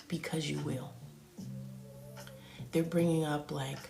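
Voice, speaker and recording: A woman's voice: deep voice, steady tone, slow pace, vocal fry, a little mellow. A woman doing a live spiritual reading for viewers, soothing and affirming, often half-whispering and calling them pet names. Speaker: spiritual reader on a live stream. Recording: echoey room with music behind.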